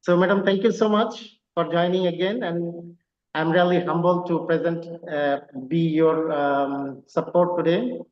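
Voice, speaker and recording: A visiting assistant professor from Bangladesh co-hosts an online lecture and delivers formal, courteous closing remarks, hesitating with many fillers. His voice is a little high, steady, and a little slow, recorded in an echoey room with the highs cut off.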